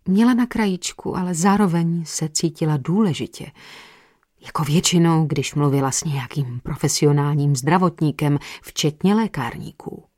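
A woman narrating an audiobook in an expressive way, recorded close on a studio mic. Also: sits low, no room sound. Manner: expressive, changes voices for characters. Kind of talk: scripted narration.

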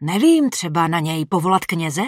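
A spooked young fiancé, as a woman narrator plays him, blurting out alarmed questions in a loud, pushed voice. The sound is dry and close, with no room around it. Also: lowish voice, very animated, dry recording. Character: nervous young man, spooked and disgusted fiancé.

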